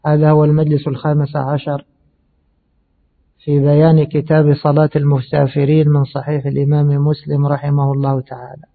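A man's voice: on the high side, completely flat delivery, vocal fry. Man teaching in a tinny recording. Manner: measured, explanatory, pauses with fillers. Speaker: hadith teacher. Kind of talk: religious lesson. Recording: tinny phone-like audio.

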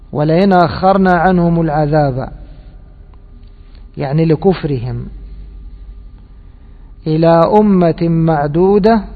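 A man teaching a classroom lesson on grammar and scripture, quizzing his listeners with prompting questions and slowly drawing out key words. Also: on the high side. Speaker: teacher of Quranic exegesis and grammar. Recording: tinny phone-like audio with long hall reverb.

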